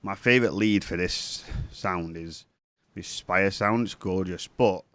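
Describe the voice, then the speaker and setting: A sniffly man with a cold chats and rambles through a casual screen-share music production tutorial at his computer, often correcting himself. His voice is low, a bit bright and a little slow, with no echo in the recording.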